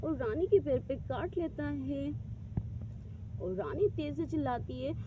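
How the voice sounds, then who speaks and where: A woman's voice: high voice, unhurried. A woman, narrating a homemade doll story in simple, plain steps. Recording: dull lo-fi with loud background noise.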